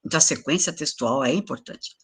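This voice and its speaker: A woman's voice: low-pitched, fairly quick, husky. An older woman giving an online lecture to teachers, explaining examples and asking for the next slide. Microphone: video call.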